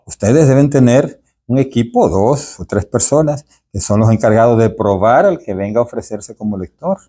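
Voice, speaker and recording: A middle-aged deacon with a Caribbean Spanish accent and a dark-toned voice leads a workshop for church lectors in an informal, chatty way. He often asks the group "¿de acuerdo?" and acts out examples with sudden jumps in pitch.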